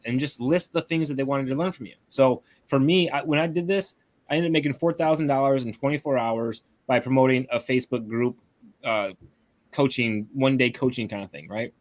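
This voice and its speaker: A man with a mid-range voice and brisk delivery teaches online marketing casually on a live video call. He often ends his points with a questioning "right?"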